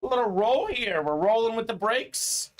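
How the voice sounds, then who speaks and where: A man hosting a live sports memorabilia break, talking in a bright, fairly high register. He keeps up a quick, chatty patter and reads viewer comments aloud. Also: expressive. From Bulgaria. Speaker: sports card break host. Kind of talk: live-stream sales patter.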